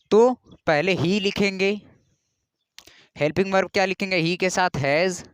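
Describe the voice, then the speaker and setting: Teaching English grammar in a patient classroom manner, a man from India repeats the key rules and slowly spells out words. His voice is high-pitched, smooth and a bit bright, in a dry recording.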